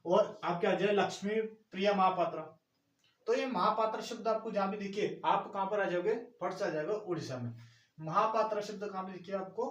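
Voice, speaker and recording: A male teacher runs an exam-prep lesson and keeps quizzing his students with rhetorical questions. His voice is fairly high. He sounds roomy and set back from the microphone. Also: normal speed, dull audio. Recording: echoey room, mic at a distance.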